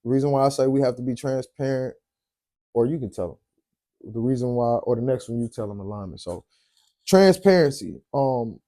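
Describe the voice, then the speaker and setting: A man's voice: medium pitch, expressive, normal speed, warm tone. A man hosting a casual late-night chat, tired and rambling, often searching for words. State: tired, yawning. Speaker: podcast host.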